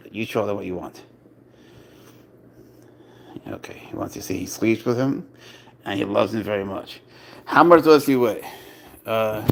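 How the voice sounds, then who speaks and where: A man's voice: on the low side, gravelly, breathy edge. A man hosting a casual live stream, chatting playfully and talking doting baby talk to his pet, laughing often.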